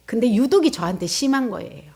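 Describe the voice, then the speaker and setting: Buddhist nun telling a lively story. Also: female voice, fairly high pitch, fairly quick, breathy edge. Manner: lively storytelling, acting out quotes, gasping. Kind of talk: dharma talk. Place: meditation center.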